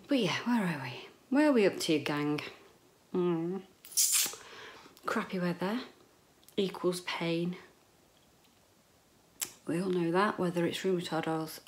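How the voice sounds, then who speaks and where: A middle-aged British woman chats to her viewers in a slightly low voice. She rambles playfully and casually, with some mild swearing. The sound is echoey, recorded on a handheld camera in a room at home. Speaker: vlogger. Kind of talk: casual chatty vlog to camera. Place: small echoey bedroom at home, indoors. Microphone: handheld camera at arm's length.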